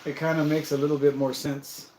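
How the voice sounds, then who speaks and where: A man hosting a building-set livestream, chatting casually and thinking aloud in a relaxed, self-deprecating way. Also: on the high side, brisk, reverberant, a little hiss or hum, rough recording.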